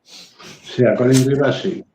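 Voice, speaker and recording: A man's voice: on the low side, moderate pace, a little mellow, slight background noise. A man, a guest in a live-stream talk, speaking bluntly and assertively with many hesitant fillers. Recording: roomy, dull lo-fi sound.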